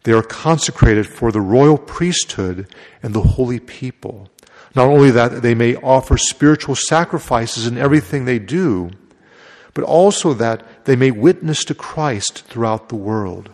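In a large church with a long echo, a man serving as priest reads the gospel and delivers a homily. His mid-range voice is slightly mellow, with lively intonation and a slightly slow pace.

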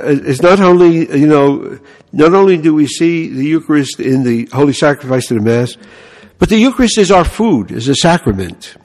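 Telling stories through an animated sermon, the older Bronx priest keeps asking "huh?" and "you know" in his New York accent. His voice runs on the high side, with a long reverb tail behind it.

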